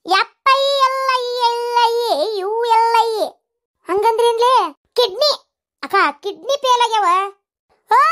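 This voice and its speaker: A woman voicing chatty village women in a comic cartoon, with a North Karnataka Kannada accent and a shrill, exclaiming manner. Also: moderate pace, long pauses. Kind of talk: cartoon voice acting.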